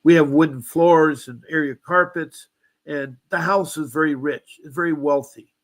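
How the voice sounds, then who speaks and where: A man in his seventies tells a long personal story in a rambling way, circling back with restarts and asides. He sounds aggrieved and insistent, and his voice sits slightly higher than most men's. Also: fairly even intonation, normal speed. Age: 70s. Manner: aggrieved, insistent about injustice. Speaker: guest.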